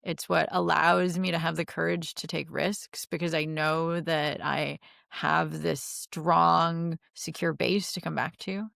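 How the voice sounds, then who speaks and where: Gravelly low-pitched woman, chatty coach. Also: level tone, slow, few pauses, a bit bright, no echo, clean studio sound. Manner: chatty, many "like" fillers, laughs easily. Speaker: relationship coach. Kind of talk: podcast interview answers.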